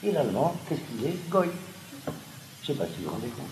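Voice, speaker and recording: A man giving a lively seminar lecture, pausing with frequent asides and restarts. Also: mid-range voice. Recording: echoey room with background noise.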